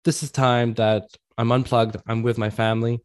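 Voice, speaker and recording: A man's voice: mid-range voice, flat delivery, normal speed, no room sound. Man giving methodical advice, dry close sound. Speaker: interview guest, productivity coach. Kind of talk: explanatory interview answers.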